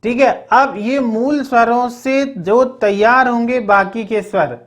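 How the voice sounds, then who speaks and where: A teacher working through a grammar lesson at a steady, mid-range pitch. The voice keeps posing questions to the students and then answering them. Short reminders to remember each point come up again and again. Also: slow. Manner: repeats check-ins like "okay, remember this". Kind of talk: explaining grammar in a recorded lesson.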